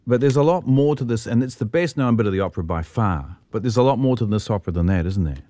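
A man's voice: mid-range voice, lively intonation, fast, mellow. A man hosting a radio interview, asking brief, direct questions.

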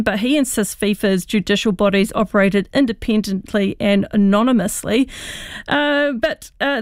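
Clear, higher-pitched New sports newswoman. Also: no room sound, clean studio sound. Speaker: sports news presenter. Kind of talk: news update, partly scripted.

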